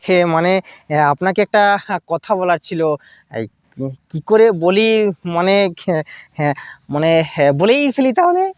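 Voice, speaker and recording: A man's voice: high-pitched, big pitch swings, moderate pace, pauses often, highs cut off, soft background music. A young man performing a comic sketch, pleading and whining in some parts and grumbling in others. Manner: pleading and whiny, then grumbling. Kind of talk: sketch comedy, playing several parts.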